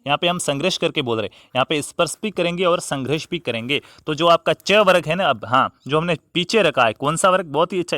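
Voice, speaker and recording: A man's voice: on the high side, sharp tone, no echo, studio quality. A man teaching a lesson, asking questions and answering them himself, repeating key terms and stretching them out for emphasis. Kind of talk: classroom lesson on grammar.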